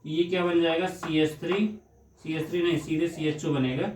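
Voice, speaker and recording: A man's voice: on the high side, steady tone, moderate pace, a little mellow, slight background noise. A male chemistry teacher giving a lecture, working through reactions step by step and asking himself questions as he goes. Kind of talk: classroom lecture on organic chemistry. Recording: echoey room, voice from a distance.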